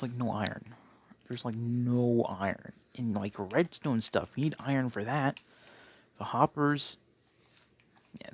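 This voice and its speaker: A man giving casual, rambling gameplay commentary, with a phlegmy throat and a habit of tacking on "okay?". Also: medium pitch. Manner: rambling, keeps clearing his throat, tacks on "okay?". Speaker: Minecraft player.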